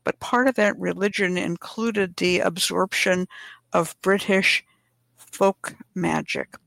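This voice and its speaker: Woman host with a gravelly voice. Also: fairly low pitch, steady tone, takes it slowly, fairly bright tone, no echo. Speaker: podcast host. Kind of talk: casual explanatory talk.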